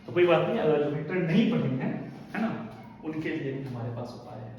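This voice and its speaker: A man's voice: fairly high pitch, animated, a little fast, darkish tone, recorded from a distance, muffled recording, a little hiss or hum. A man teaching physics, explaining a formula step by step and often checking that the students follow. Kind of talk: classroom lecture at a board. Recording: echoey room, voice from afar.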